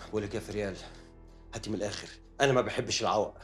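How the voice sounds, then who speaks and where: An actor playing a young Egyptian man trying to calm a quarrel in a TV drama. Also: on the low side, faint music behind, close to an everyday voice. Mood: pleading. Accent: Egyptian Arabic. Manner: pleading, fast, lively intonation. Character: young man, weary, trying to keep the peace.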